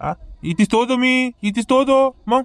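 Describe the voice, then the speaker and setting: A man's voice: very high-pitched, moderate pace, dry recording. A man with a Vidarbha Marathi accent playing a confused, protesting village man in a rustic comedy sketch.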